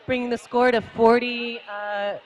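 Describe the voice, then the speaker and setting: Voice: mid-range voice, little pitch movement, unhurried, a faint crowd, rough recording. A roller derby commentator calling jams live in a chatty, casual way, with lots of fillers and easy laughter.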